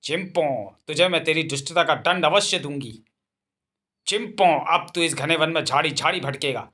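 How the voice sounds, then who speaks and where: A man's voice: on the high side, normal speed, bright, forceful tone. A man doing a spiteful she-elephant. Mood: vengeful. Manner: scolding, gloating. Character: spiteful female elephant, vengeful and greedy.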